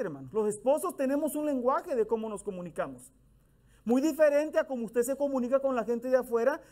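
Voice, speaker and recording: A man's voice: very high voice, darkish tone. A middle-aged male minister, giving a folksy, conversational sermon with acted-out bits of dialogue.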